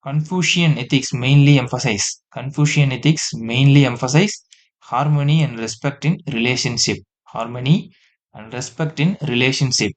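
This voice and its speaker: His voice sits in the mid range as he works through an exam-prep lesson. He reads each multiple-choice question, slowly repeats the answer, and frequently lowers his voice for side remarks.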